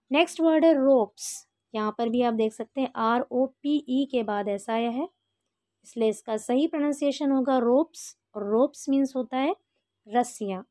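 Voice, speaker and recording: An Indian woman teaching English pronunciation, explaining rules slowly and patiently, step by step. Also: fairly high pitch, a little mellow, no room sound. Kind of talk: explaining a lesson in Hindi.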